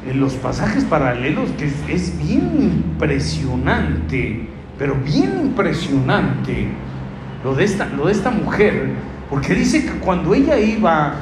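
A man preaching a sermon, acting out quoted voices and rising to shouts. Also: on the high side, sing-song, a little slow, music in the background. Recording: echoey hall, mic from a distance.

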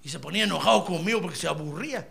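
A man delivers an animated sermon. His voice sits high and bright, and it rises and falls widely as he leans toward his listeners. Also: very fast, creaky. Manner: animated preaching, addresses listener as hermano. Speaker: pastor.

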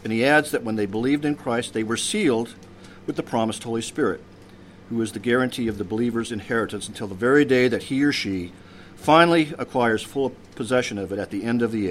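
A priest giving a measured sermon, his voice dropping at the end of phrases. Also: medium pitch, a little hiss or hum. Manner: measured preaching with pauses, voice drops at phrase ends.

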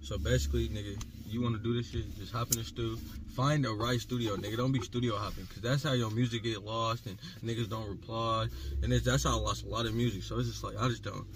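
A man, a rapper guest, giving fast, emphatic advice full of slang. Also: on the low side, steady tone, noisy background. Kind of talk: casual interview.

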